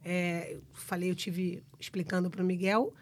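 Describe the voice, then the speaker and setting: A woman from Rio de Janeiro with a Carioca accent, co-hosting a podcast in a warm, eager way. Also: fairly low pitch, little pitch movement, measured pace. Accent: Brazilian Carioca. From Rio de Janeiro, Brazil. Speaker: podcast co-host. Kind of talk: casual podcast chat.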